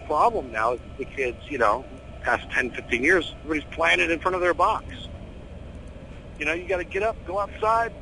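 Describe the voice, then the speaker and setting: Bright, opinionated middle-aged American man. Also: fairly high pitch, a little fast, vocal fry, a little hiss or hum, rough recording. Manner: animated, opinionated, slangy. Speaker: horror host being interviewed. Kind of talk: casual interview chat.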